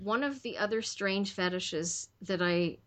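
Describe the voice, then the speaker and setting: Woman podcast host, mid pitch, chatty and candid, casual storytelling. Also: measured pace, a bit bright. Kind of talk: casual chat.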